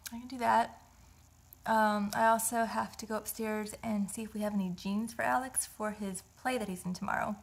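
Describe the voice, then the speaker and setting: A woman's voice: medium pitch, gravelly. A woman in her thirties chatting casually to the camera at home, rambling and thinking aloud with many restarts. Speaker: vlogger. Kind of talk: casual home vlog chat. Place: family house indoors.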